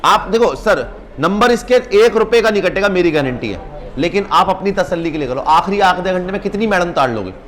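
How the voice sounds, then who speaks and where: A male accounts teacher in a brisk exam-prep lecture, teasing and urging his students on. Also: sits high, expressive, a bit bright.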